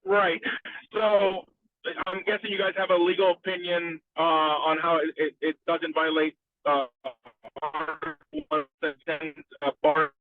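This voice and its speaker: A man calling in on speakerphone while driving, asking halting questions with restarts over a phone line. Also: sits high, very animated, gravelly, no echo. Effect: phone call from a moving car on speakerphone. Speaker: panel participant calling in. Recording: tinny dry phone line.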